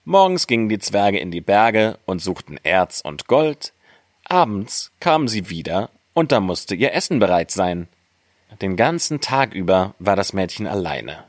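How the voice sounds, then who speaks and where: A man reading a fairy tale aloud, slow and expressive. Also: lowish voice, dry recording, clean studio sound. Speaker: narrator.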